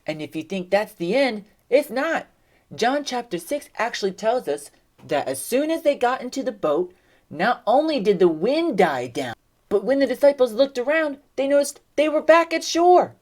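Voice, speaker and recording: Animated young woman telling a kids' Bible story. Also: medium pitch. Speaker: children's Bible teacher. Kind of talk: children's Bible story lesson.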